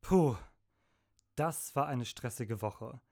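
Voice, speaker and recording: A woman's voice: very deep voice, takes it slowly, warm tone. A woman in a satirical stage comedy, speaking dryly and complaining.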